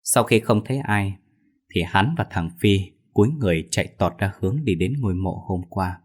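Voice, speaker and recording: A man reading a ghost story aloud in a steady, measured storyteller voice. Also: low voice. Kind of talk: scripted ghost story narration.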